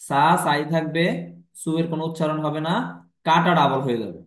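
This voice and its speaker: Male teacher, patient step-by-step explainer, slightly high pitch. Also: reverberant. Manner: patient, repeats each step slowly. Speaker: language teacher. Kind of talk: explanatory lesson.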